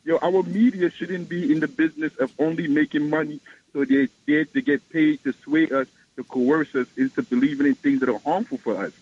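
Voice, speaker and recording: A man with a fairly high voice calls in to a radio show over the phone, speaking in an impassioned, emphatic way. The line sounds dull and muffled, with a faint hiss of noise behind him. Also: fairly even intonation, a little fast. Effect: heard over the phone. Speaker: radio call-in caller. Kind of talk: call-in talk radio.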